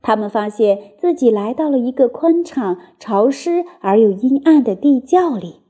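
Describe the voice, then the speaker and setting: A woman reading a children's story aloud in a lively, expressive way. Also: on the high side, moderate pace, slightly rough.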